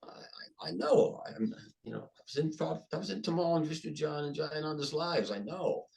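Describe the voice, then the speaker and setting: An older man, a podcast guest, speaking emphatically and telling stories with animated restarts. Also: fairly high pitch, normal speed, gravelly, low-quality recording. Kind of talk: conversational interview storytelling.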